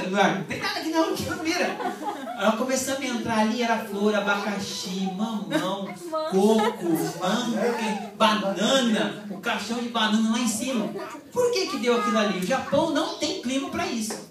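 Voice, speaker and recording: A woman with a Brazilian Portuguese accent preaching a sermon at a church service, telling stories lively and acting out the quoted dialogue. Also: fairly high pitch. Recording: echoey hall, mic far off, congregation behind.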